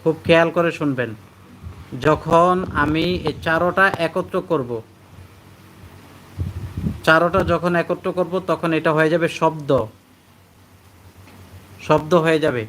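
Man drilling Arabic letters in a bright voice. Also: on the high side, steady tone, slight background noise. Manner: patient, repeats letters and syllables slowly to drill pronunciation; reads out students' answers and praises them. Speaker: Quran teacher. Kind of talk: live online class.

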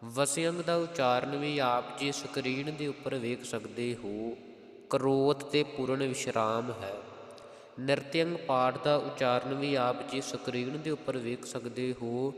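Slow, echoing Punjabi man teaching scripture recitation. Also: mid-range voice, steady tone. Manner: slow, methodical, chants each verse then explains spelling. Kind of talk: scripture pronunciation lesson with chanted verses. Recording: roomy echo with long reverb.

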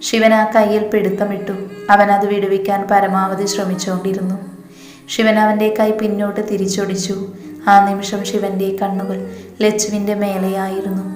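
A woman narrates a romance storybook in a steady, even manner. Her pitch sits in the middle and barely moves. The room is echoey, with soft music underneath.

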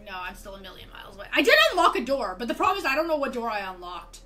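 Jumpy woman gamer chatting through a horror game, high bright voice, swears a lot. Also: very fast. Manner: excitable, jokey, swears when startled. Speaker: gameplay streamer. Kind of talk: casual horror gameplay commentary.

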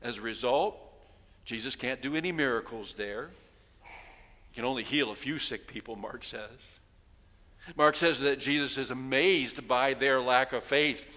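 At a moderate pace, this pastor's medium-pitched voice comes out pushed and bright. The man, in his sixties, preaches a story-driven sermon in a large sanctuary, questioning his congregation rhetorically and voicing townspeople. Sound comes through a headset mic with a long church-hall reverb.

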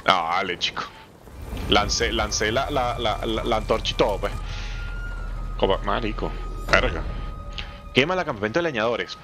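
A man giving slangy, animated let's play commentary and talking back to the game's characters. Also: lowish voice. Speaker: gameplay streamer. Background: game music.

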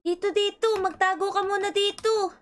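A woman hosting a playful game role-play, polite and excitable, fussing over her friend. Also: very high voice, normal speed.

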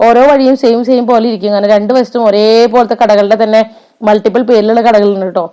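A woman's voice: fairly high pitch, fairly even intonation, fast talker, mellow, smooth. A young woman, chatting casually over a shopping vlog as its host and often adding little tag words and fillers. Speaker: vlogger.

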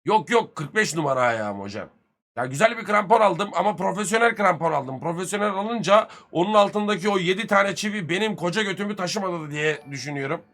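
Male streamer, 30s, a touch high, bright edgy tone, crude swearing banter with chat. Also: brisk. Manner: lively, swings loud and soft. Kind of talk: casual live-stream chat with viewers.

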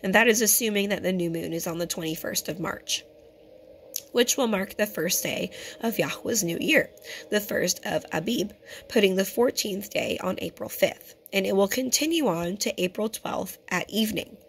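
A hoarse woman who keeps clearing her throat, giving an earnest, conversational scripture teaching to her viewers. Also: medium pitch, normal speed, slight background noise. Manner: earnest and conversational, addresses viewers as brothers and sisters. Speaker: teacher of a Torah fellowship. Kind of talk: home-made teaching video.

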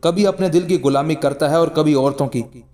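A man's voice: a little high, normal speed, darkish tone, lightly acted. A man reading as a defiant, mocking ascetic.

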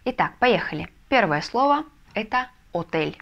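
A woman teaching a video lesson, explaining step by step with patient, soft confirmations. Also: medium pitch, very animated, moderate pace, gravelly, muffled recording. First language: Russian. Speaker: Spanish language teacher. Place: language school in a Russian city.

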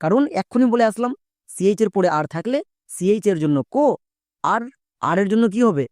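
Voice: medium pitch, lively intonation, a little fast, a little mellow, dry recording, studio quality. A Bengali-speaking teacher giving an online English pronunciation lesson, spelling words out letter by letter and quizzing viewers with questions.

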